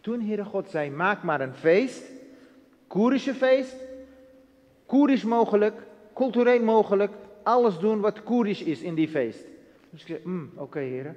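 A guest from Iraq, a man with a high voice and a darkish tone, speaks a little slowly and expressively while giving his testimony. He narrates earnestly in broken Dutch and performs the dialogue. The audio lacks highs and has a long hall reverb.

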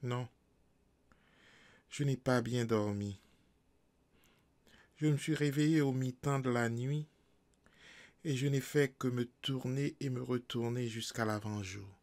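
A man reads a grumbling, wry old peasant father in an audiobook. He speaks slowly, at an ordinary middle pitch. He sounds like someone complaining about a bad night's sleep. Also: darkish tone.

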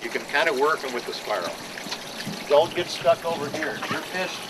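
A middle-aged charter captain instructs his group aboard a moored fishing boat in a straightforward, practical way. His fairly high voice is expressive at a normal speed, recorded outdoors on a camera mic from a few feet off with obvious background noise.

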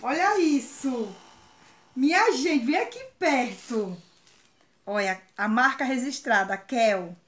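A woman's voice: high-pitched, animated, slow, roomy sound. A woman from Ceará with a Northeastern Brazilian accent, chatting effusively and exclaiming often as she unboxes on her vlog. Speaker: vlogger.

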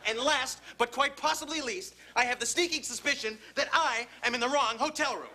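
A man's voice: very high voice, a little fast, bright, forceful tone, heavily acted. An actor playing a brash, self-absorbed man who rambles cockily in a grating, nasal, screechy voice in a comedy sketch. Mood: cocky. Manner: rambling, cocky. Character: brash, self-absorbed, fast-babbling man flirting with a stranger.

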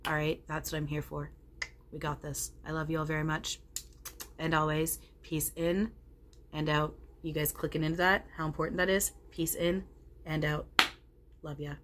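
A woman's voice: sits low, level tone, moderate pace, lightly acted. A woman medium channeling a blunt, loving, foul-mouthed male spirit, speaking in an emphatic, preachy and reassuring way. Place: home living room. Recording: noticeable background room noise.

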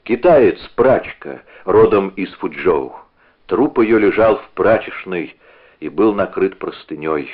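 A man's voice: deep voice, lively intonation. A man reading as a tormented avenger. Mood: grim. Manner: intense, halting confession. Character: tormented man set on revenge. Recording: narrow phone-like audio.

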